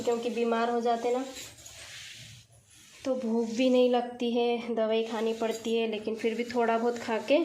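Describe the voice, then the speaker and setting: A woman's voice: fairly high pitch, a little mellow. A woman in her thirties from India, chatting casually while she cleans her kitchen. She is getting over a cold and her throat is still sore. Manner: chatty, talking while working. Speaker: village vlogger. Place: home kitchen, tiled and echoey. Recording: echoey kitchen, faint noise.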